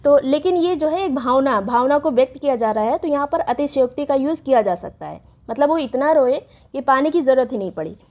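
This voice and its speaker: A woman's voice: sits high, lively intonation, brisk, hardly any pauses, a little mellow. A woman teacher giving an exam revision lesson, explaining spellings step by step and repeating each word.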